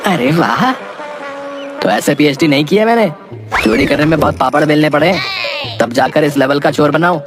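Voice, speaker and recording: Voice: mid-range voice, moderate pace, long pauses, music in the background, natural voice. A voice actor playing a smug, boastful male master thief who bosses and lectures his clumsy apprentice in a cartoon. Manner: bossy, lecturing, scolding. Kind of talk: cartoon voice acting.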